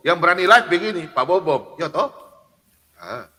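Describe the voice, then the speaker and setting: An emphatic man with a high, lively voice preaches off the cuff on a livestream. He fires rhetorical questions, reels off verse references and speaks of himself in the third person. The sound carries a long room reverb. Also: normal speed. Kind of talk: unscripted live preaching, reading scripture.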